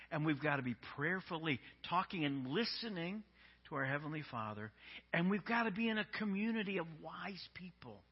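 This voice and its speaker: A man's voice: mid-range voice, breathy edge, lo-fi sound. A male pastor giving a sermon, telling stories conversationally with frequent restarts. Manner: conversational storytelling with many restarts.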